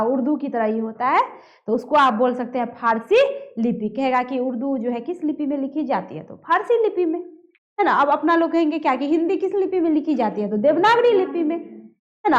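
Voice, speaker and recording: A woman's voice: sits high, lo-fi sound. A woman teaching a Hindi grammar lesson, explaining step by step and asking the class questions as she goes.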